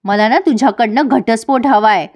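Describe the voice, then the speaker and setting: A wronged young wife turns indignant and cutting, her voice raised high with anger. A woman reads her lines while recapping a serial. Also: normal speed, darkish tone, close to an everyday voice.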